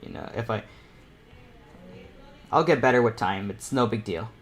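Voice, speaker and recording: This young man, a teenager or young adult, speaks in a mid-range voice at normal speed. As a painting panel host and self-taught artist, he talks casually through a live tutorial while he paints, rambling slightly and repeating himself in an encouraging, informal way.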